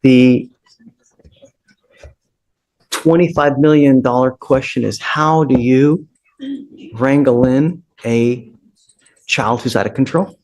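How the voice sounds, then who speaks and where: A man's voice: mid-range voice, takes it slowly, pauses often, a little mellow, rough recording. A male judge talking informally and colloquially from the bench in court. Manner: conversational, colloquial.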